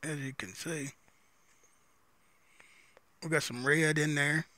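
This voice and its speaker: Folksy guy smoking a pipe while he chats thru a review, bright voice, dry sound no room. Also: a little high, steady tone, slow, dry recording. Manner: talks while smoking a pipe between phrases. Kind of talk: casual unscripted review chat.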